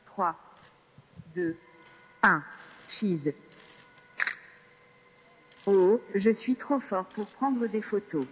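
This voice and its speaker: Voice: medium pitch, expressive, very slow, long pauses, husky, exaggerated voice. A text-to-speech voice playing a friendly, helpful companion robot, giving polite, chirpy scripted replies during a live stage demo. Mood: cheerful. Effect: synthetic text-to-speech robot voice from a small speaker. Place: event stage in a large hall. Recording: long hall reverb, airy tone.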